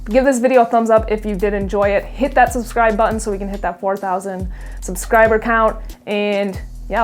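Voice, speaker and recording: A young woman from Minnesota vlogging casually about her truck mods, chatty and enthusiastic, with lots of fillers and restarts. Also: medium pitch. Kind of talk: casual vlog talk.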